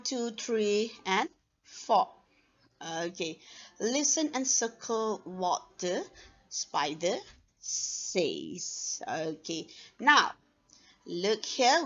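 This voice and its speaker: Woman teacher for an online kids' class, slow and bright, on a dull lo-fi recording. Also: mid-range voice. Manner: slow, clear, repeats "okay" often. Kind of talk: online class for young children. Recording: dull lo-fi sound.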